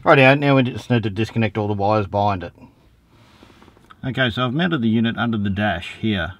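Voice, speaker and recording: An Australian man in his forties, host of a four-wheel-driving how-to channel, gives a laid-back, slangy, matter-of-fact DIY tutorial outdoors in a driveway and around vehicles. His voice is fairly low and brisk. The recording has its highs cut off and noticeable background ambient noise.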